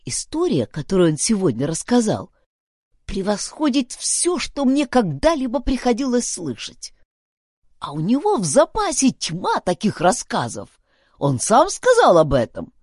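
A woman's voice: medium pitch, a little mellow, husky, no echo, studio quality, pitched above the performer's own voice, full character voice. A woman voicing a stubborn man who protests and argues with raised voice. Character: stubborn determined man, adventurer.

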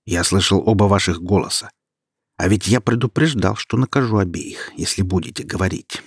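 A man's voice: deep voice, normal speed, breathy edge, no echo, clean studio sound. A man reading an audiobook and voicing a harsh, domineering man who barks commands. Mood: commanding. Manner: barking, commanding.

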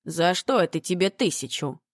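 A woman voicing a heavyset teenage girl who is rude and gruff, with a low, husky voice. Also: lively intonation, moderate pace, dry recording, studio quality. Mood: bargaining. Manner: blunt, coarse.

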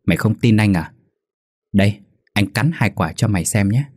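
A man voicing a poor, tough boy who acts as a protective big brother, talking gruffly. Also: on the low side, normal speed, darkish tone, no echo, clean studio sound. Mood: coaxing.

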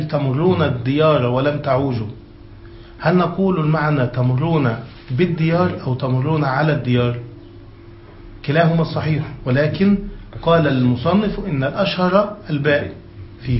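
Male grammar teacher with a fairly high voice, reading a text aloud and explaining it to a class, often asking whether they follow; echoey, muffled recording. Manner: keeps checking that students follow; reads passages aloud, then explains them. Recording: echoey, dull lo-fi room recording with faint hiss.

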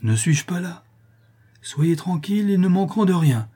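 A man voicing a solemn, reassuring gentleman. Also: fairly low pitch, lively intonation, moderate pace, slightly rough. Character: solemn nobleman, steady protector. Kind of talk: audiobook character reading.

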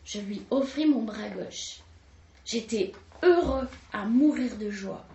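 A woman giving a slow, expressive dramatic reading of a literary text at a public talk. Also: a little high, muffled recording. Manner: slow, expressive, raises voice for quoted cries. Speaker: reader of literary excerpts. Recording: roomy, distant mic.

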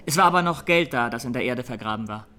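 In a radio courtroom drama, a male actor with a mid-range voice plays a young Armenian defendant, plain-spoken and haunted, who gives measured testimony. His delivery is expressive with a sharp edge, and the mood stays subdued and factual.

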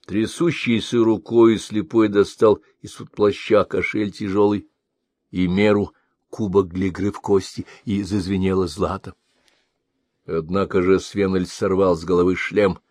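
A man narrating an audiobook in a low voice, measured and steady. The recording is close and dry, with no room sound. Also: no room sound.

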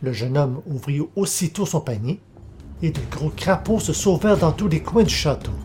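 A man reading a folk tale aloud as narrator, in a measured, even storytelling manner. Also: fairly high pitch, background noise.

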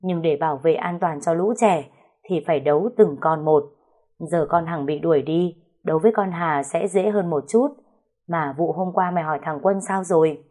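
A woman voicing a shrewd young wife who talks bluntly in a hushed, knowing way. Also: deep voice, normal speed. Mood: conspiratorial. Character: shrewd young wife of the eldest son, scheming.

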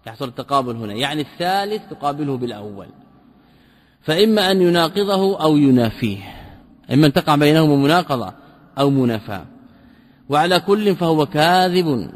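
Man teaching a text in a reverberant hall. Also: on the high side. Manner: reads a passage, then explains it with rhetorical questions; repeats key terms slowly for emphasis. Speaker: teacher explaining a classical logic text. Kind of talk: line-by-line commentary lesson.

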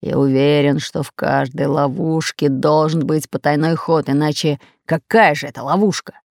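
A woman voicing a fat, red-bearded, bossy pirate captain in an audiobook, speaking in a gruff, commanding way. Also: sits low, fairly even intonation, moderate pace, a little mellow, no echo, clean studio sound, pitched below the performer's own voice. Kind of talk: audiobook character voice.

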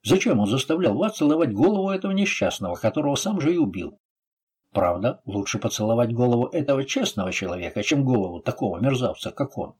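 A gentle, dignified nobleman, voiced by a male audiobook reader, speaking mildly and politely in a husky voice. The intonation moves freely from low to high. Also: big pitch swings, fast. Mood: pleading.

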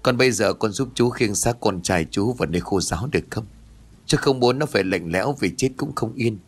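A man's voice: fairly low pitch, lively intonation, a little fast, husky. A weary older father speaks with heavy sorrow, voiced by a male storyteller. His tone stays somber and earnest. It is a narrated audio ghost story. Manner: somber, pleading.

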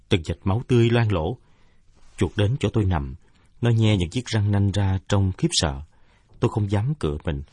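A man tells a first-person story in a steady, measured manner. His voice is low and husky. It comes across close and dry, with no room sound. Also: dry recording. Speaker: narrator. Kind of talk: first-person audiobook narration.

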